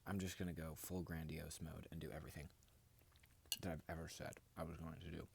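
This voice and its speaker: A man with a very low, husky voice talks straight to his viewers in a casual vlog. He rambles from one idea to the next with grandiose confidence. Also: little pitch movement, a little fast. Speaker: vlogger.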